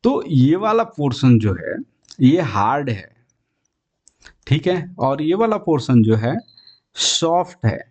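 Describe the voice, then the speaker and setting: A male teacher works through English spelling rules in a soft, mellow voice, at an ordinary pitch. He talks in a casual, chatty way, often stopping to ask whether his students follow. He drags the example words out slowly. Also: sing-song, dull audio. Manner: checks in often with "clear?" and "theek hai", drawls example words slowly; chatty and informal, stops for asides to students. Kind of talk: Hindi-language spelling lesson.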